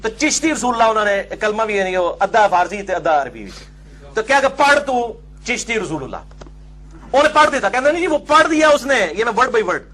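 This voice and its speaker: A man delivers a religious lecture in a fairly high voice. He argues forcefully and keeps throwing out questions that he answers himself. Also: lively intonation, brisk. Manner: emphatic, argumentative, often asks and answers his own questions.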